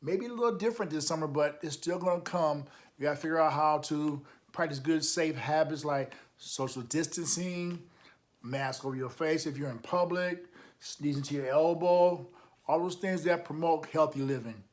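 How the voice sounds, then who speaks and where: A storytime reader and coach, this man reads a children's picture book aloud in a slightly high voice at a moderate pace. He adds encouraging, emphatic asides and asks his listeners questions.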